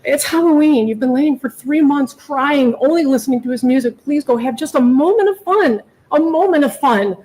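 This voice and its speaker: On poor audio, a middle-aged woman begs a judge on her daughter's behalf in an unscripted, emotional plea, emphatic and repetitive. Her voice is high-pitched, animated, and a little mellow, moving at a moderate pace with few pauses.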